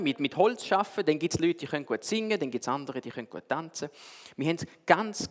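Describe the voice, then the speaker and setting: A preacher who speaks in a lively, animated storytelling manner, his pitch swinging widely. His voice sits a little high for a man. It carries a long reverb from a large hall. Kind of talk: sermon with a told story.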